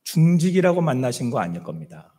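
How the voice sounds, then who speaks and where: A middle-aged male senior pastor preaching a sermon with passion, now and then sinking to soft, hushed words. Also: mid-range voice, big pitch swings, brisk. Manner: impassioned preaching, dropping to soft hushed quotes of God. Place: church sanctuary. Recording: long church-hall reverb.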